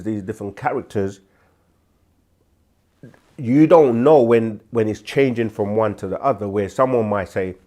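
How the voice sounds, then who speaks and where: A man with a sore throat hosts a livestream Q&A, teaching as he answers viewer questions. His low, slightly mellow voice moves slowly and deliberately, with frequent restarts.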